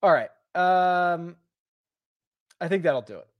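A man's voice: sits high, expressive, takes it slowly, no echo, dull audio. A man hosting a live stream, chatting casually with loose fillers and restarts as he answers viewer questions.

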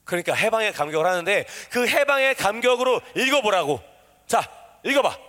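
A man's voice: sits high, fairly quick. A man preaching a sermon to a young group, coaxing answers and leading them in call-and-response. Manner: animated call-and-response, coaxing and quizzing listeners. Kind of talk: interactive sermon with youth. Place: church hall. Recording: long reverb of a church hall.

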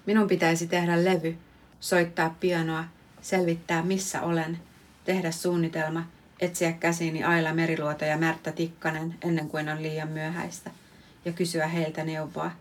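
A woman in her thirties, a podcast host, reading her own prose poem in a measured, reflective way. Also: low-pitched, little pitch movement.

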